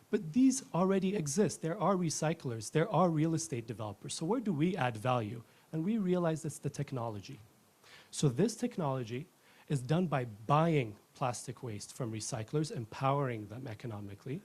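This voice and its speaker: This founder, a man from Ethiopia in his thirties, gives his practiced pitch with fluent earnestness. His voice is a little mellow, with a breathy edge.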